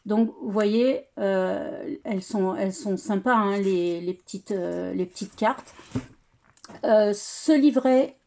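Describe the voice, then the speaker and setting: A woman's voice: mid-range voice, takes it slowly, creaky, warm tone. A woman casually presenting a scrapbooking album, chatty and hesitant, with many fillers and restarts. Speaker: scrapbooking crafter showing her work. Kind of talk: casual craft tutorial.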